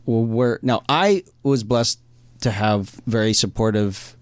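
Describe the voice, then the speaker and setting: A man's voice: fairly low pitch, measured pace, clean tone, dry recording. A man hosting a casual interview, talking hesitantly with many restarts and frequent laughs. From Filipino background, raised abroad. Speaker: podcast host.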